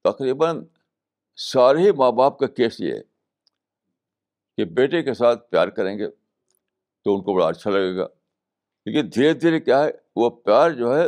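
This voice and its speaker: An older man with a low-pitched voice delivers a spiritual lecture at an unhurried pace. He repeats key phrases for emphasis and drops English terms into his speech. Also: darkish tone. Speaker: Islamic scholar giving a talk.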